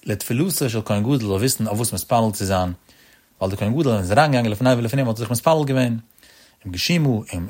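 A man giving a traditional religious text-study lesson, explaining step by step in a sing-song cadence and repeating the key terms. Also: medium pitch.

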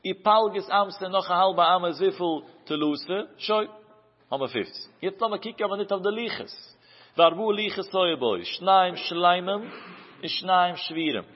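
A man giving a Talmud study lesson in a chanting singsong cadence, his pitch rising and falling through each phrase. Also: moderate pace. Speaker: Talmud teacher. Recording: muffled, dull recording with long hall reverb.

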